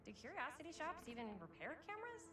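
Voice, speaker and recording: A woman's voice: high-pitched, big pitch swings, fast. A woman playing a wry, adventurous teenage girl in a video game. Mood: wry, upbeat. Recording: slightly distant game dialogue.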